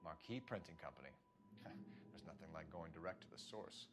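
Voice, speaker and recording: An actor playing a stern, no-nonsense 1940s American police detective in a noir crime game, terse and accusing. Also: male voice, very deep voice, lively intonation, moderate pace, fairly bright tone, husky, faint music behind, exaggerated voice. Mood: matter-of-fact.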